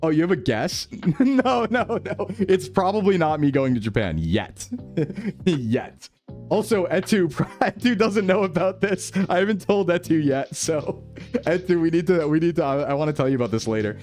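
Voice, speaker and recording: A man's voice: a little high, animated, moderate pace, a little mellow, faint music behind. A male VTuber chatting casually with his stream viewers, playful and jokey, heard through livestream headset mic audio. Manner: playful, jokey, laughing often.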